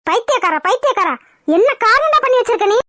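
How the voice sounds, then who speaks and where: A woman voicing several cartoon women, among them a scolding mother-in-law and an angry young woman, in a sharp, scolding manner. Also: very high-pitched, lively intonation, fast, no echo, studio quality, full character voice. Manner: sharp, scolding, shouting insults. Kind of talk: Tamil cartoon voice acting.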